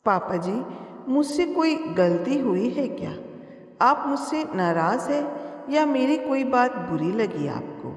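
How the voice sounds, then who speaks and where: Worried young daughter-in-law, read by a woman narrator; hesitant, slow, roomy distant sound. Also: fairly high pitch, big pitch swings, pitched above the performer's own voice, exaggerated voice. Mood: anxious. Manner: hesitant, anxious. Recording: echoey room, far from mic.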